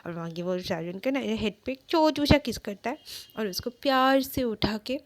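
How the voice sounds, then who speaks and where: A woman's voice: a little high, lively intonation, moderate pace, no echo. A woman casually retelling a fan-fiction story in a chatty way, with fillers and self-corrections.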